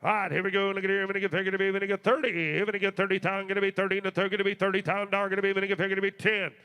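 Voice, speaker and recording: A man working as an auctioneer, calling bids in a rapid, repetitive, rolling live chant. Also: high voice, little pitch movement, sharp tone, clean tone. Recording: long hall reverb.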